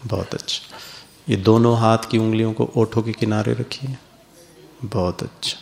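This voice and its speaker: Gravelly, playful man giving a spiritual talk. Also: fairly low pitch, steady tone, normal speed, a little hiss or hum. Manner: playful, coaxing, leads the audience through exercises. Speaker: spiritual speaker. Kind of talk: humorous spiritual lecture to an audience.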